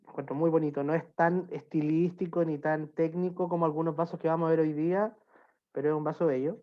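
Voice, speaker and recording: A Chilean sommelier gives a chatty online lecture on beer, relaxed and friendly, speaking fast in a fairly high voice with frequent "eh" fillers and hesitations. His computer mic on the video call yields dull, lo-fi audio.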